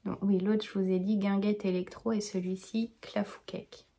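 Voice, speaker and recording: A woman hosting a knitting podcast, talking in a chatty, rambling and enthusiastic way, and sometimes dropping into a soft whisper. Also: medium pitch, level tone, normal speed, vocal fry, husky. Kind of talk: casual chat.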